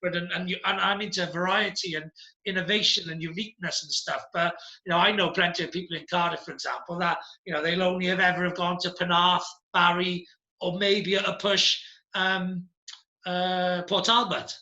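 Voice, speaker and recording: A man's voice: high-pitched, flat delivery, a little fast, pushed and bright, reverberant, rough recording. A man from Wales with a South Welsh accent, chatting casually as podcast host, rambling through place names with plenty of fillers. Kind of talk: casual chat.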